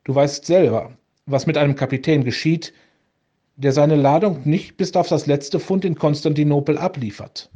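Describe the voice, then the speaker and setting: Big stern bearded sea captain, read by a man, gruff + lower, dull lo-fi sound. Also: fairly even intonation, moderate pace, mellow, natural voice.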